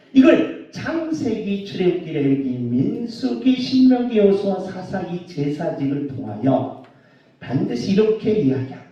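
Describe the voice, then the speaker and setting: Animated high-voiced male pastor preaching. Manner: animated, jokes and scolds with rhetorical questions. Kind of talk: sermon. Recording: roomy dull sound from far off.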